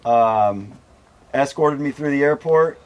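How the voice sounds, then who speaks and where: A man's voice: mid-range voice, takes it slowly, dull audio. A man with a Southern California accent, a guest surfer telling stories in a laid-back, casual way. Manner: laid-back, acts out quoted people in raised voices. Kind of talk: casual storytelling.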